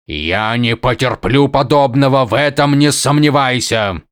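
A man voicing a stern, weary older male highlord who speaks firmly and scolds emphatically, in an audiobook. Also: unhurried, clean tone, no room sound, studio quality, close to an everyday voice. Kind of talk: audiobook character voice.

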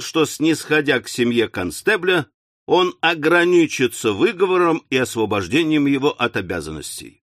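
Male audiobook narrator, even storytelling delivery, dry close-mic studio sound. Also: mid-range voice, dry recording. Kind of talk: scripted narration.

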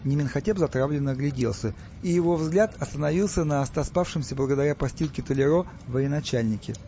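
A man reading an audiobook with even storytelling delivery, in a dull lo-fi recording. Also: fairly high pitch, fast, slight background noise. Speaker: audiobook narrator. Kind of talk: scripted narration.

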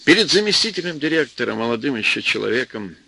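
A man reading an audiobook aloud, telling the story in a lively, expressive way. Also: mid-range voice, fast talker, gravelly, husky, no room sound. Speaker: audiobook reader. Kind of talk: scripted narration.

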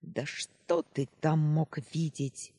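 A man's voice: medium pitch, sing-song, measured pace, a little mellow, husky. A man voicing an irritable, bossy young male sentry who barks military orders, in an audiobook reading. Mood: scornful.

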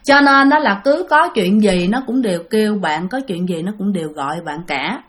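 A woman hosting a channel and telling a ghost story aloud, speaking chattily to her listeners with dramatic pauses. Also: mid-range voice, fairly bright tone. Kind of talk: spoken ghost story narration.

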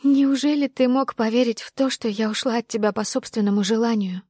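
A woman's voice: a little high, steady tone, fairly quick, darkish tone, dry recording, lightly acted. Woman reader as a distraught young heroine, raw and emotional, dry close sound. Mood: pleading. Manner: emotional outbursts. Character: young woman, heartbroken, hysterical, sobbing. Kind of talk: audiobook character voice.

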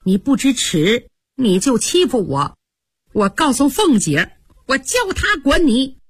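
A woman voicing a quick-witted young maidservant, pert and sharp-tongued in a storytelling broadcast. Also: high voice, big pitch swings, slightly rough, dry recording, heavily acted. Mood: indignant.

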